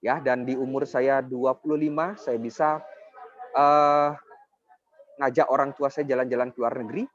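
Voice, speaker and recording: A man in his twenties with a medium-pitched, steady voice and a moderate pace gives a persuasive, motivational sales talk as a network marketing presenter. He often addresses the audience directly, in a dull, lo-fi recording that is dry with no echo.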